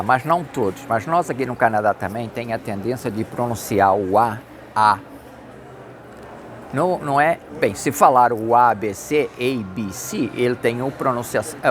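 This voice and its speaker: A middle-aged man with a Brazilian Portuguese accent gives a casual spoken lesson, repeating and spelling out words slowly. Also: mid-range voice. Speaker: English tips vlogger. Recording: noisy outdoor street recording.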